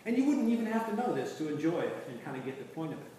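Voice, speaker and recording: A man giving a conversational, musing lecture to a class, trailing into low asides, recorded from a distant mic in a large room. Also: big pitch swings, very fast, warm tone. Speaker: teacher. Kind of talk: lecture on literature and faith. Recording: echoey room, distant mic, faint noise.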